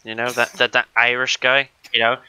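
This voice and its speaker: A man's voice: medium pitch, completely flat delivery, moderate pace, sharp tone, clear, resonant tone. A man chatting casually while gaming, laid-back and giggly, swearing freely. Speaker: gaming friend.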